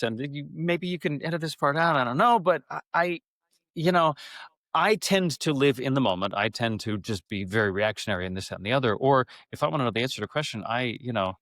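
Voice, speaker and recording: Speaking in a mid-range, slightly bright voice, a middle-aged man who acts on stage and in radio theater talks casually as an interview guest. He's candid and frequently interrupts himself mid-thought as he tells his stories.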